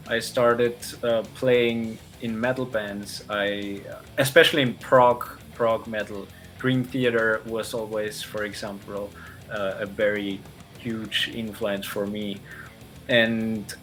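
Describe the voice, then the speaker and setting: A man's voice: fairly low pitch, fairly bright tone. A man, a guitarist giving casual interview answers over a video call, speaking hesitantly with many fillers. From Austria.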